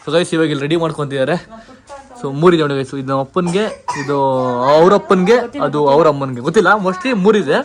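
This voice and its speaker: A man's voice: on the high side, fast. A man chatting playfully to his viewers in a casual family vlog at home. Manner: playful, teasing, talks to camera viewers. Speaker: vlogger.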